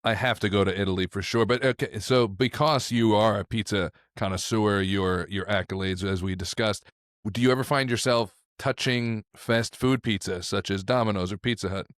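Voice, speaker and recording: A man from New with a fairly low voice co-hosts a casual podcast. He is friendly and chatty. The recording is dry and close. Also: fairly even intonation, moderate pace, dry recording. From New York. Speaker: podcast co-host.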